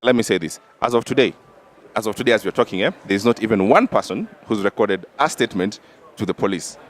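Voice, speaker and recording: A man's voice: fairly low pitch, lively intonation, fast. A man co-hosting a political talk show, arguing emphatically and pressing his points with repeated checks like "all right?". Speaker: podcast co-host. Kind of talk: political debate.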